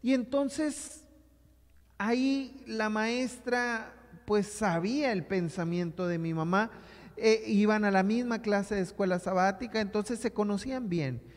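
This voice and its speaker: A pastor from Hermosillo with a northern Mexican accent, telling a personal story in a lively sermon and acting out the voices. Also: male voice, high-pitched, a little slow, long reverb tail. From Hermosillo, Sonora, Mexico. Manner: animated storyteller, acts out voices.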